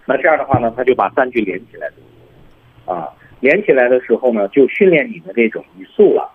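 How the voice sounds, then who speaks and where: A man teaching English on a radio programme, explaining step by step and demonstrating lines over and over. His pitch swings widely as he stresses points, and his voice sounds husky. The audio is thin and tinny, like a phone line. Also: very animated, fast. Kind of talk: radio lesson on English speaking.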